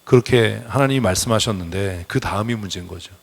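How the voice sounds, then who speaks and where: A man's voice: fairly low pitch, fast talker, creaky. Blunt scolding male pastor. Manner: blunt, scolding, calls for amen responses. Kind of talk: sermon. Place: church sanctuary.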